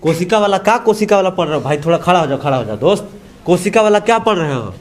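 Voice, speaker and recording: A man's voice: high-pitched, lively intonation, fast. A man working as a field reporter, questioning students on the spot in a school classroom in an informal, prodding way.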